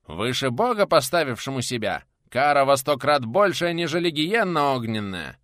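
A man's voice: medium pitch, sing-song, normal speed, a bit bright, dry recording, studio quality, pitched above the performer's own voice. Man playing Nikodim, a menacing medieval warrior.

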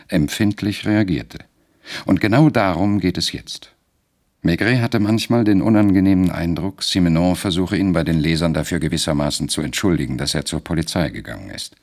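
A man narrating a radio drama in a measured, deliberate storytelling manner. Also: deep voice.

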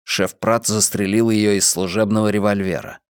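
A man's voice: lowish voice, steady tone, normal speed, smooth, no echo, clean studio sound. A man reading a novel aloud as a narrator, with a tense, dramatic delivery. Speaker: audiobook reader. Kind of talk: scripted narration.

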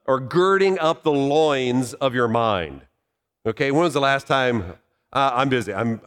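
Male preacher, casual teaching sermon, higher-pitched voice, recorded in a reverberant hall. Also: clear, resonant tone. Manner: conversational, explains Bible verses with asides and rhetorical questions.

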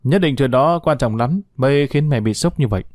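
A man reading an audio story, voicing a young husband who talks calmly and steadily. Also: mid-range voice, no room sound, studio quality, natural voice. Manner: calm, measured.

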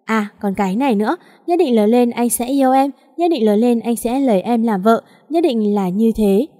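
A woman voicing a kind, protective little boy who speaks gently and reassuringly. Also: fairly high pitch, normal speed, lightly acted. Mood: earnest. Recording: long reverb.

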